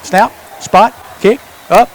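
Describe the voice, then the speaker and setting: Guy calling a football game live, high voice, pulls for the home team. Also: slow pace, a little hiss or hum. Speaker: play-by-play announcer. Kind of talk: live football play-by-play commentary.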